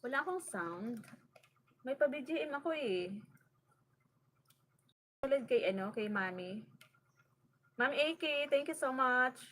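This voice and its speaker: High-voiced woman chatting on a slow livestream. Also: expressive, a bit bright. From Bicol region, Philippines. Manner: chatty, greets viewers by name, flustered by audio setup. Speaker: farm vlog livestreamer. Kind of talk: casual livestream chat with viewers. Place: rural home in the province.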